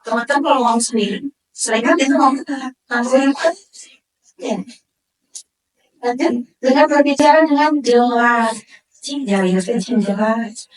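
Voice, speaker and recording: A high-pitched woman talks about marriage at a religious study session. She brings her stories to life by acting out wives and husbands. Her voice rings around a large room and sits some distance from the microphone. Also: moderate pace, long pauses. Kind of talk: lively marriage talk to a live audience. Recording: echoey hall, voice from far off.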